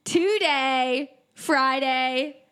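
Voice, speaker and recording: Playful gal cohosting a podcast, kinda nasal, higher voice, laughs easy. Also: female voice, a bit bright, clean tone. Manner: bubbly, playful, quick to laugh. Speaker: podcast co-host. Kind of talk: casual chat.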